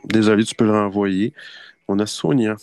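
A man's voice: on the low side, fairly even intonation, normal speed, darkish tone, clear, resonant tone, dry recording, clean studio sound. A man with a Québécois French accent hosting a casual online quiz show, playful and chatty. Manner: playful, chatty, laughs often. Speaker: quiz host.

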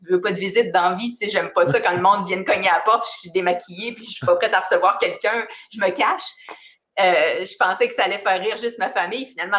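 Québécois woman, animated and laughing. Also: mid-range voice. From Quebec. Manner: animated, laughs often, self-mocking. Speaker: singer-songwriter guest. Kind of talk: casual interview chat.

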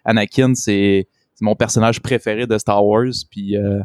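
A man's voice: lowish voice, steady tone, moderate pace, a little mellow, no echo, clean studio sound. A man in his twenties with a Québécois French accent, co-hosting a casual chat in informal, slangy speech mixed with English words. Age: 20s. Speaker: podcast co-host. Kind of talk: casual chat about a TV series.

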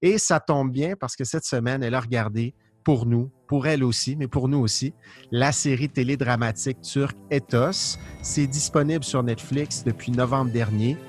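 A man, hosting a podcast and introducing his guest in a friendly, lively way. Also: mid-range voice, normal speed, soft background music. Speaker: podcast host. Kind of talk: podcast interview.

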